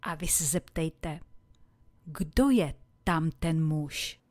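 A woman teaching English in a recorded lesson, saying example phrases slowly and clearly for listeners to repeat. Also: deep voice, animated, a little mellow, no room sound. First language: Czech. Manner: slow, carefully spoken example phrases for repeating.

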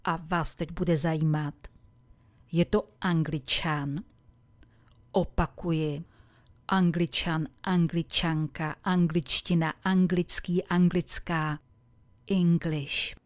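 Woman teacher, lowish voice, dry close sound, slow clear phrases to repeat. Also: level tone, dry recording. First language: Czech. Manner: slow, carefully spoken example phrases for repeating. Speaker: English teacher. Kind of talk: recorded language lesson.

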